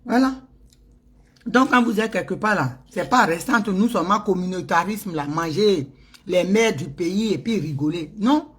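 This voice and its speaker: A middle-aged woman vlogger with an Ivorian French accent delivers a casual, mocking rant, teasing and laughing often. Her voice is fairly low in pitch and she speaks at normal speed.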